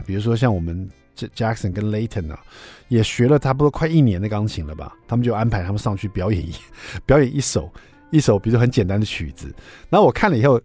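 A middle-aged man, hosting a radio show and telling a story in a chatty way. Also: lowish voice. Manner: chatty, acts out dialogue with lively voices. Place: radio studio.

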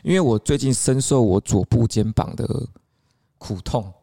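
A man's voice: medium pitch, normal speed, dark tone. A man with a Taiwanese Mandarin accent, co-hosting a podcast and telling a story in casual chat, chatty and often laughing. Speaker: podcast co-host.

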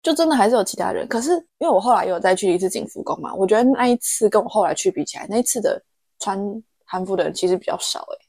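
A young woman co-hosting a casual podcast chat, recounting events in a calm, matter-of-fact way. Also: medium pitch, racing, slightly rough, no echo, studio quality. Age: young adult. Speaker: podcast co-host.

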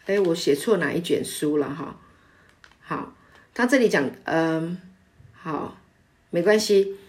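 A middle-aged woman pastor preaches. Her voice sits a little low, and she leans on her words emphatically, with frequent "ah" sounds between phrases. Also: expressive, slow, darkish tone. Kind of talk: sermon.

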